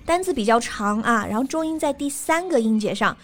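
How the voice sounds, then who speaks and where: Steady, clear-speaking woman podcast co-host. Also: on the high side, fairly quick. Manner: steady, clear teacherly explaining, spells words out. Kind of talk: bilingual English-teaching podcast chat.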